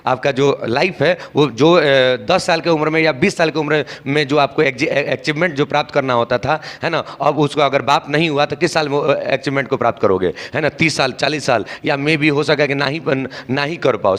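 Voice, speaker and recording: A man's voice: a little high, a bit bright. A man teaching chemistry in a call-and-response style, often asking a question and answering it himself and checking whether students understood. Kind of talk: call-and-response classroom lecture.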